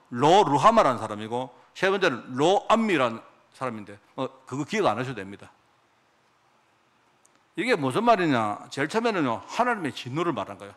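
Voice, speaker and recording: A male pastor preaching a conversational sermon at a church service, talking in an animated way and firing rhetorical questions at the congregation. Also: fairly high pitch.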